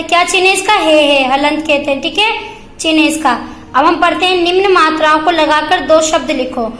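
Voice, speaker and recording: A woman's voice: extremely high pitch, sharp tone, a little hiss or hum. A woman teacher giving a grammar lesson to children, repeating points and asking questions that she then answers herself. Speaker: school teacher.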